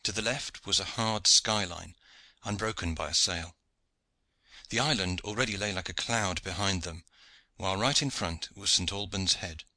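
Low, very bright-voiced male reader. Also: dry recording. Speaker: audiobook narrator. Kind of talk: scripted narration.

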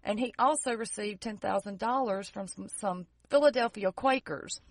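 A woman co-hosting a podcast casually tells a history story in a mid-range voice at a moderate pace, with no room sound. She reads dates and figures from her notes and tosses in jokey, sarcastic asides.

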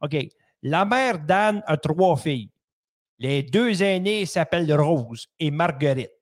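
A goofy, stammering male quiz host, put on by a man. The voice sits a little high and trips over nearly every word. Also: expressive, slow. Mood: playful. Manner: stammers and repeats words constantly. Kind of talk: comic radio bit.

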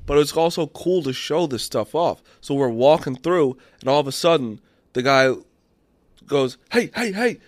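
A young man spins a long, rambling story in a casual chat, swearing as he goes. His voice is mid-pitched and ordinary. The sound is dry and close, with no room around it. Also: moderate pace, no echo. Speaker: podcast host.

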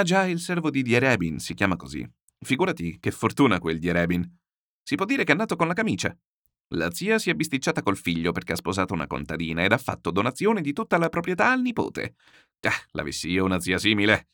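A man voicing a loud, boastful, blustering landowner who rambles in shouts, in a storybook reading. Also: fairly low pitch, huge pitch swings, fairly quick, no echo, studio quality, heavily acted. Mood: boisterous.

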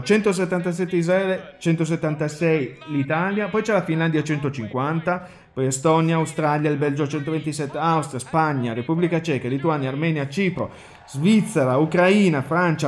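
Italian guy doing casual live commentary, emphatic and wry, voice a bit high. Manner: emphatic, repeating himself, wry.

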